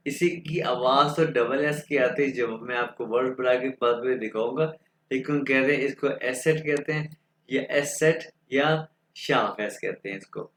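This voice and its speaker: A man's voice: medium pitch, a bit bright, roomy sound. A man with a Pakistani accent teaching German in an online lecture, explaining patiently and spelling out letters one by one.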